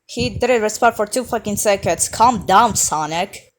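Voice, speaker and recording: A woman's voice: medium pitch, a little slow. A woman giving sarcastic roast commentary, snarky and full of swearing.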